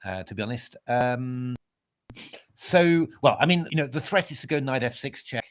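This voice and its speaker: A man's voice: medium pitch, animated, moderate pace. A man commentating live on a chess game in a casual way, hesitating with lots of fillers and restarts.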